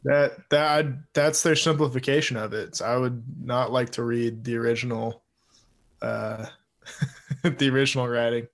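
A man co-hosting a sports talk show, chatting casually and explaining things in a tentative, halting way. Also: mid-range voice, fairly even intonation. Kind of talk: casual chat.

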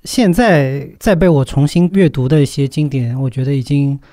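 Relaxed man with a mellow voice. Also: medium pitch, normal speed. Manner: relaxed, reflective. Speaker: podcast guest, book lover. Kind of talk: casual chat.

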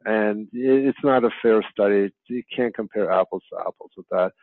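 A man speaks as a physician guest in an interview, in a voice a little on the low side. He hesitates and restarts often. His voice comes over a tinny, dry phone line. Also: fairly even intonation, normal speed, no echo. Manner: hesitant, many fillers and restarts. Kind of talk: conversational interview.

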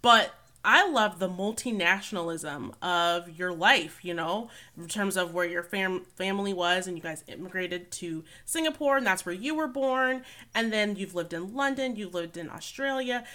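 Bright-toned woman podcast host. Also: medium pitch, normal speed, few pauses. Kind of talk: podcast interview.

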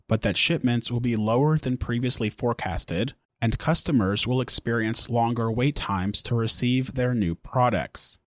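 A man hosting a daily tech news podcast, reading scripted stories and a sponsor spot in a steady, clear newsreader delivery. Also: mid-range voice, no room sound, studio quality. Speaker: podcast host.

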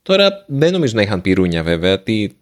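Low-voiced curious male host. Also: very animated. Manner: curious, asks follow-up questions. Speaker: podcast host. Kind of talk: casual conversation.

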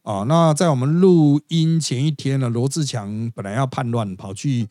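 A man's voice: medium pitch, moderate pace, darkish tone, dry recording. A man with a Taiwanese Mandarin accent hosting a podcast, giving chatty, gossipy, wry political commentary. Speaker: podcast host.

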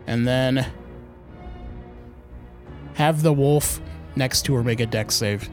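A man's voice: mid-range voice, takes it slowly, a little mellow, soft background music. A man chatting casually as a player at a tabletop role-playing game, calling out his moves.

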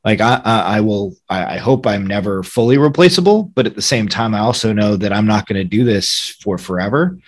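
A man's voice: fairly low pitch, expressive, a little fast, hardly any pauses. A man co-hosting a podcast, talking in a reflective, explanatory, conversational way. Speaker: podcast co-host, financial advisor.

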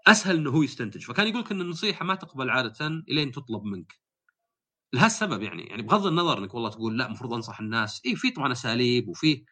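A man hosting a podcast, talking casually and telling stories with animation. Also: mid-range voice. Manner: animated storytelling. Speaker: podcast host.

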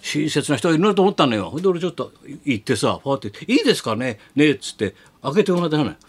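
A man's voice: a little high, big pitch swings, very fast, breathy edge. A man hosting a radio show, telling rambling anecdotes in casual chat and laughing as he talks. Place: radio studio.

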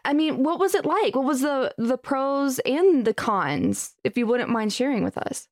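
High-voiced enthusiastic woman podcast host. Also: lively intonation, unhurried, no echo, studio quality. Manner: enthusiastic, effusive questions. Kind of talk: podcast interview.

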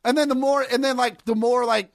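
A man's voice: very high-pitched, steady tone, a little fast, gravelly, no echo, clean studio sound. A man chatting casually about sports as a guest on a podcast.

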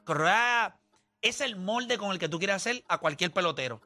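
A man's voice: high-pitched, animated, normal speed, sharp tone, soft background music. A man, co-hosting a heated sports debate, teasing and talking over the others. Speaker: podcast co-host.

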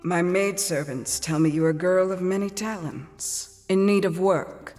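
A woman playing a haughty queen, low and commanding. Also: steady tone, a little slow, a little mellow, long reverb tail, soft background music, close to an everyday voice. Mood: imperious. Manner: imperious, commanding. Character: haughty mortal queen, brusque yet soft-hearted. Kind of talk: podcast audio drama.

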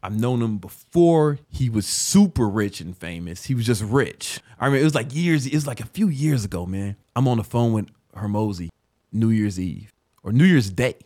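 A man in his thirties, hosting a casual talk ranking business books, swearing freely and telling stories with animated, self-mocking laughs. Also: lowish voice, normal speed, no room sound. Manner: profane, loose and streetwise; animated storyteller who laughs at himself.

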